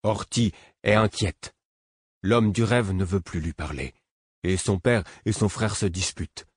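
A man voicing a simple-minded male servant, talking slowly and childishly in a singsong way. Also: lowish voice, breathy edge, no echo, clean studio sound. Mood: worried. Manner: slow singsong, halting childlike speech.

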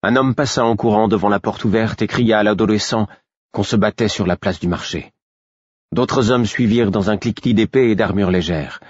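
A man narrating a first-person audiobook in a steady, measured way. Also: lowish voice, husky, no room sound, muffled recording.

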